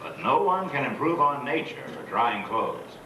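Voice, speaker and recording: A man's voice: mid-range voice, big pitch swings, normal speed, recorded from a distance, heavy background noise. A man playing a cheerful, proud turn-of-the-century father, folksy and boastful, heard from an old home VHS tape of a theme-park show. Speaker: animatronic show narrator. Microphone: camcorder in the audience. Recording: echoey show hall taped from afar. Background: loud show music.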